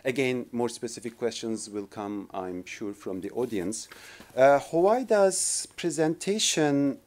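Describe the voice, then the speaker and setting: A man's voice: medium pitch, animated, unhurried, darkish tone. A man from Turkey in his forties, responding as a discussant on a conference panel, hesitating often with fillers and restarts, speaking from a podium in a lecture hall. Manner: hesitant, many filler restarts, gestures with notes. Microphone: podium microphone.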